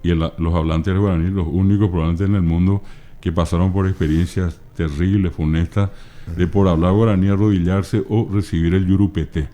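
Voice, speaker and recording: With a Paraguayan Spanish accent and fairly even intonation, this middle-aged guest, a scholar of Guaraní, explains things during an interview. His very low voice sounds dark and mellow as he patiently and slowly breaks words into their forms, the way a teacher would.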